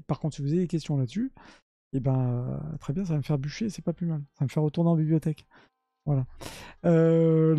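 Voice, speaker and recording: A man's voice: a little high, mellow, no echo. A man talking casually on a live stream about Japanese art, hesitant with many fillers and restarts.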